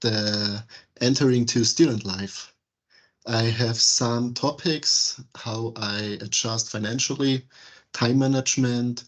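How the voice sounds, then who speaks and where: A man, a nursing student speaking in a video meeting, halting as he searches for words. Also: mid-range voice. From Austria.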